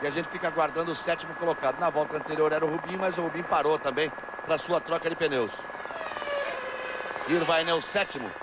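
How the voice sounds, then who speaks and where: Brazilian motorsport commentator, man, over loud engines. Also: fairly high pitch, fairly even intonation, fast talker. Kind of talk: live Formula One race commentary. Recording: dull lo-fi broadcast, loud engine noise. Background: loud racing cars and trackside noise.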